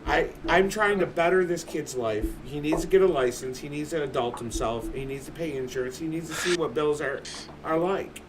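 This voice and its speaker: A man's voice: a little high, normal speed. Blunt, foul-mouthed man in his forties. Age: 40s. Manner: blunt and heavy on swearing. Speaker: streamer. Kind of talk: casual chat on a livestream. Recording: distant mic with background noise.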